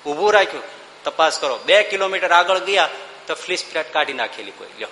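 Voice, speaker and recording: A man's voice: high-pitched, big pitch swings, fast, bright, forceful tone, roomy sound, long reverb tail, slight background noise. A man giving a devotional discourse, speaking emphatically with rhetorical questions and breaking into sung verses.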